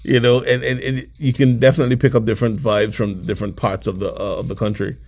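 A man hosting an interview show, first narrating an intro, then asking questions in a lively way with frequent restarts. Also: mid-range voice, fast. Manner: lively, repeats words and restarts often as he asks questions. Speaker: show host.

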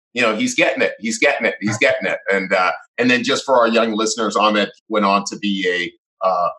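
A man's voice: fairly low pitch, sharp tone, poor audio. A man hosting an interview, asking questions in a rambling way with many restarts. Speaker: host. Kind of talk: conversational interview.

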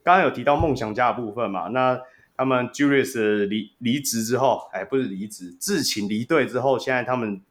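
A man's voice: medium pitch, moderate pace. A man with a Taiwanese Mandarin accent hosting a casual sports podcast, telling stories animatedly and laughing often. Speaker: podcast host.

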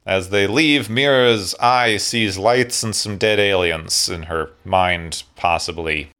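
Low-voiced man giving a dry plot recap. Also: slow, bright, forceful tone. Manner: dry, snarky narration of plot points. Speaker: podcast co-host recapping an episode.

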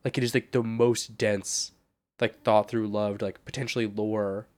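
A man's voice: on the low side, level tone, a little slow, darkish tone. A man with a stuffed-up nose from a cold co-hosting a podcast, talking casually and hesitantly with many restarts. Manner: hesitant, restarts and stacked fillers. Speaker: podcast co-host. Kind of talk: casual chat.

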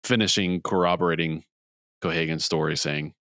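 A man hosting a podcast, casually retelling a movie plot with quick voiced quotes. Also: low voice, steady tone, fairly bright tone, no echo, studio quality. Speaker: podcast host. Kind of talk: casual movie recap chat.

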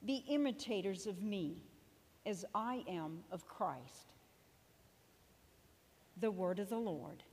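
A woman reading scripture as a lector in a church, formal and measured. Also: medium pitch, animated, darkish tone, slight background noise. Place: large church, over a PA. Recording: long cathedral-like church echo.

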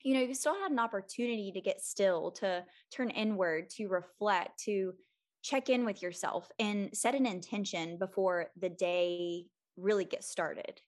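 A woman's voice: mid-range voice, a little slow. Friendly woman podcast guest. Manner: friendly, thoughtful, earnest. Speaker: guest, mom coach. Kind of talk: casual interview chat.

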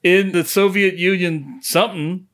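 A man co-hosting a podcast, chiming in with quick jokey asides during a casual movie review. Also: high-pitched, steady tone, a bit bright. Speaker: podcast co-host.

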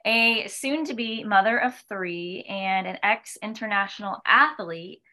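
A woman's voice: mid-range voice, bright, forceful tone. Upbeat woman hosting a podcast. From American Midwest. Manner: upbeat, encouraging, with fillers. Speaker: podcast host. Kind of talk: casual podcast chat.

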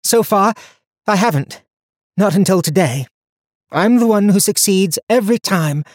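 A man's voice: high voice, lively intonation, unhurried, dry recording, clean studio sound, voice pushed up. A man voicing an earnest young woman traveler. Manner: earnest, rambling when tired. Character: determined young woman traveler, capable, weary.

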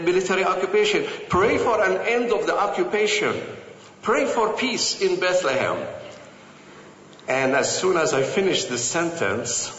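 A man from Jerusalem tells stories from his own life in an earnest, lively way, full of fillers and quoted dialogue. His voice is high-pitched, and the recording is dull and lo-fi, with hall echo and slight background noise.

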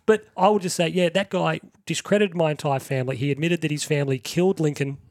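Podcast co-host: animated man, high-ish pitch, dry close mic. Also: fast, no room sound. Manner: animated, laughs often, acts out movie quotes. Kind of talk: casual chat.

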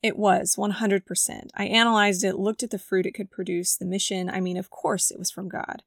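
Her pitch barely moves as a woman with a gravelly, scratchy mid-range voice reads her personal story a little fast for a devotional podcast. The scripted reading is earnest and reflective, and the close mic gives a dry sound free of room echo.

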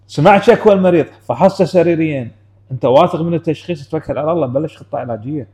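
A man's voice: on the high side, very fast, warm tone. A man, a clinician explaining things in casual discussion and often checking in with his listener. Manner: explaining, frequent "you know how?" asides. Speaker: clinician guest.

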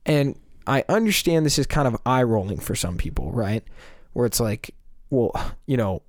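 A man's voice: mid-range voice, sing-song, moderate pace, no echo, studio quality. Young man arguing a point on a podcast. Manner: conversational, many fillers, argues a point. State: voice still recovering from losing it. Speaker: podcast co-host. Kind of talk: casual discussion.

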